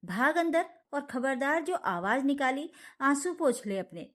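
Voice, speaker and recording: A woman's voice: sits high, very animated, unhurried, fairly bright tone, heavily acted. A woman voicing a cruel, scheming young daughter-in-law who talks in a harsh, threatening, mocking way.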